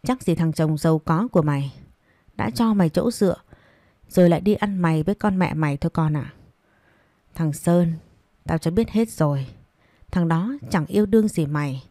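A spiteful middle-aged mistress taunts with a mocking edge, read by a woman narrator. The voice sits low and mellow, and the recording is close and dry. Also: normal speed, long pauses, no echo, close to an everyday voice. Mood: sneering. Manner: sneering, taunting.

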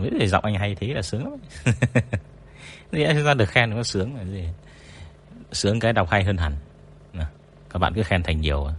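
A man hosting a storytelling livestream in casual chat, reading viewer comments aloud and joking about himself in a deep, low voice. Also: a bit bright, breathy edge.

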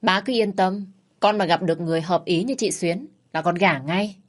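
A woman voicing a lively, headstrong young daughter who speaks eagerly. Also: lowish voice, moderate pace, natural voice. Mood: playful. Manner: eager, pleading.

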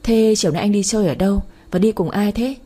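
A woman voicing a gentle, trusting young wife who speaks softly and pleadingly. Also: mid-range voice, quick pace, voice pushed up, natural voice. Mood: tender.

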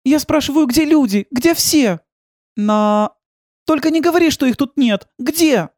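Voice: high-pitched, animated, unhurried, a little mellow, no room sound, clean studio sound, voice pushed up. A reader voicing an anxious, lonely young woman who asks urgent questions, in an audiobook. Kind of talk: audiobook role-play.

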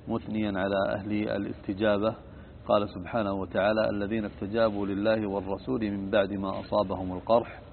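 A low-voiced man teaches a religious lesson, his pitch staying flat and level. He explains steadily, filling pauses with long drawn-out sounds. The audio is thin and phone-like, with a faint hiss underneath. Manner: measured explanation with frequent "aah" fillers.

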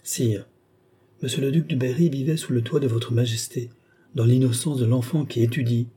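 A man's voice: medium pitch, steady tone, moderate pace, mellow, breathy edge, close to an everyday voice. A man voicing a flustered, timid old duke. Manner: hesitant, deferential, anxious. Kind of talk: audiobook reading.

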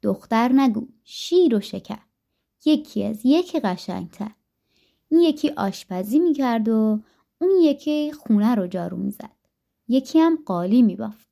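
A woman narrating a folktale audiobook in a gentle, rhythmic storytelling manner, recorded on a studio mic. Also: fairly high pitch, expressive, gravelly.

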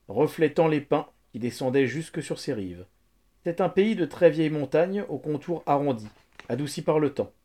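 A man reading a novel aloud, calm and measured, as a scripted narration. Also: mid-range voice. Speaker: audiobook narrator.

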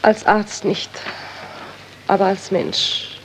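An actress playing a grieving widow tormented by guilt, earnest and sorrowful, in 1930s radio-drama acting. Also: female voice, mid-range voice, slow, slight background noise. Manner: earnest, sorrowful, turns to anguished pleading. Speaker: doctor's friend's widow.

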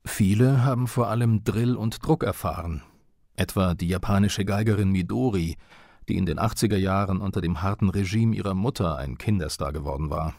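A man narrating a radio documentary in a measured, serious reading style. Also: fairly low pitch, a little mellow, no room sound, clean studio sound.

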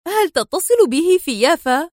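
A woman voicing a nervy, sharp-tongued young woman agent who sounds tense and snappish. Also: mid-range voice, animated, fairly quick, vocal fry, no room sound, studio quality.

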